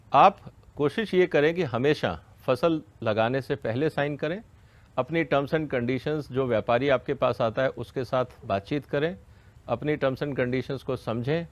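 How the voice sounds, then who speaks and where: An expert explains a law to farmers in a question-and-answer format, teaching step by step and regularly checking that his listeners are keeping up. His voice is medium in pitch and the recording is dry.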